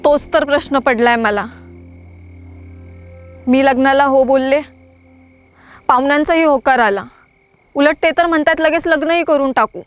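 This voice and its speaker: Woman playing a young girl stuck between family and her guy, really high voice, pleading. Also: normal speed, pauses often, no room sound, soft background music, natural voice. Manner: pleading, defensive.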